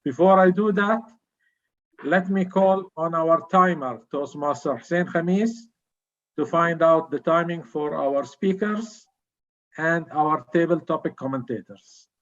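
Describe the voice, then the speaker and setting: Middle-aged male club evaluator, slow formal public speaker, slightly dull recording. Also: a little high, fairly bright tone. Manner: measured, deliberate, formal.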